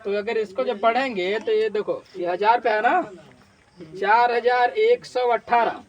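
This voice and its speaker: A man's voice: high voice, steady tone, unhurried, highs cut off. A male teacher giving a classroom maths lesson, repeatedly quizzing his class and answering his own questions.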